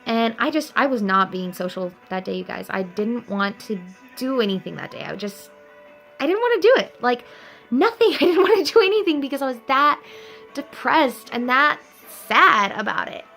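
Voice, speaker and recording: A woman's voice: a little high, moderate pace, vocal fry. Earnest young woman vlogging, music behind. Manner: earnest, animated, chatty with laughs. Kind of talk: casual motivational talk to camera.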